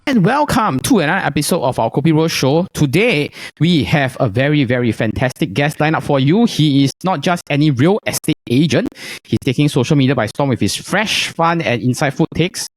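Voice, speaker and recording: A man's voice: fairly high pitch, lively intonation, brisk, hardly any pauses, dry recording. A man with a Singaporean accent, hosting a casual interview podcast.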